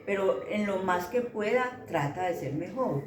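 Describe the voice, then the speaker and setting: Woman leading a church prayer group, calm, far off in an echoey room with people around. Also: mid-range voice, unhurried. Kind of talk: leading a bible study. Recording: echoey room, from afar, with a crowd.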